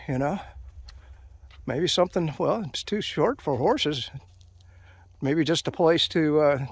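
A man's voice: a little high, dry recording. A middle-aged man narrating a hike on camera while walking an outdoor trail, chatting casually with many fillers and restarts. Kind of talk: casual hiking commentary to camera. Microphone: handheld action camera, off-screen narrator.

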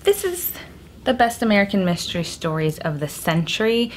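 A very animated young adult woman with a mid-range voice talks at normal speed about her book haul as a vlogger. She records in a small room at home that echoes like a cave, with clear background noise.

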